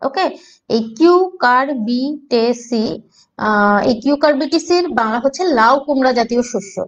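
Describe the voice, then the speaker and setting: A high-pitched woman with a Bangladeshi Bengali accent teaches an online agriculture class. She explains patiently, breaking terms into syllables, heard through a dull, lo-fi recording. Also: animated, brisk.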